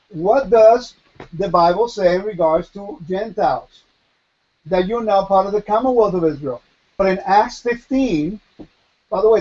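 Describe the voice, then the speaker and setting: A man from Puerto Rico teaches Torah in a question-and-answer Bible session, emphatically posing questions and then answering them himself. His voice sits high with a darkish tone, and the audio is dull.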